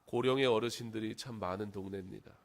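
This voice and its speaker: A middle-aged male pastor giving a Sunday sermon in a church, moving between soft asides and rising, emphatic preaching. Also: lowish voice, fairly even intonation, quick pace. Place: church sanctuary.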